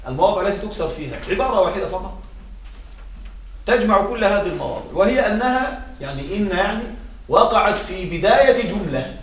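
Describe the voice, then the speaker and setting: A man's voice: sits high, lively intonation, fast. A man teaching an Arabic grammar class, often checking in with his students to make sure they follow. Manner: checks in with students often, greets arrivals mid-lesson. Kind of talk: classroom lesson. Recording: echoey room, distant mic, background noise.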